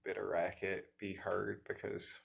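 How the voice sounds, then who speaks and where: A man with an Appalachian accent chatting casually in a folksy, halting, self-deprecating way, as the host of a guitar vlog. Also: low voice, completely flat delivery, vocal fry, breathy edge. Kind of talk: casual rambling chat.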